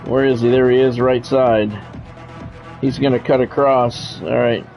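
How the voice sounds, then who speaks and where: The audio is poor, with faint music behind a gravelly, darkish, mid-range male voice that keeps a steady tone at a measured pace. He streams a college football video game, calling plays like a radio announcer whose cadence builds on big moments, and slips in between calls to chat with viewers.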